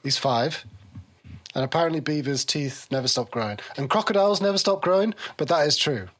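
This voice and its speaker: Joking British podcast co-host, laid-back. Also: male voice, on the high side, animated, fairly quick, a bit bright. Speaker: father of a five-year-old. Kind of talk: casual chat.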